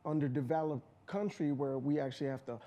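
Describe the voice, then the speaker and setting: A man's voice: a little high, fast, highs cut off. A man from the United States, a rapper guest, speaking in an earnest, passionate way about his music with frequent restarts. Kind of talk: casual interview talk. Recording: community radio studio.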